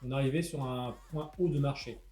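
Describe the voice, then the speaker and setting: Casual trader, male, mellow tone, in a roomy echoey room. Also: mid-range voice, fairly even intonation, fairly quick. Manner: chatty, jokes and talks to himself. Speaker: crypto trader. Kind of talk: casual trading chart walkthrough.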